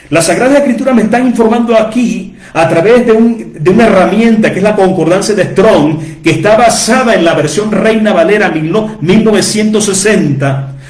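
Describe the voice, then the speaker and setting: A man's voice: high-pitched, reverberant. A man teaching from the Bible to his listeners, repeating key words and asking rhetorical questions for emphasis. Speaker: preacher.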